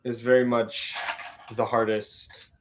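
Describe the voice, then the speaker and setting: A man's voice: mid-range voice, little pitch movement, slow pace. A man and band guitarist chatting casually over a video call, his audio crackling and cutting out from a loose cable. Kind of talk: casual chat.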